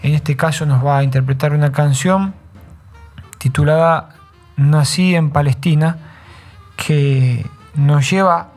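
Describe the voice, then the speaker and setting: A man hosting a radio show, giving unhurried, reflective commentary between songs and often ending thoughts with a tag question. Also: on the high side, darkish tone, faint music behind. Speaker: radio host.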